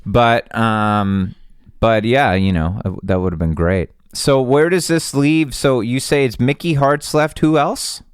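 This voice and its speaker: A man's voice: mid-range voice, a little slow, smooth, dry recording, studio quality. A man hosting a podcast, joking with his guests and prompting them with questions. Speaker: podcast host. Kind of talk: casual interview chat.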